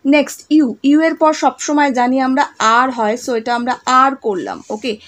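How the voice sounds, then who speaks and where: A woman, teaching a grammar lesson to young students, patiently explaining each answer and checking in with "okay?" as she goes. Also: high voice. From West Bengal, India. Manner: reads exercise sentences slowly and deliberately.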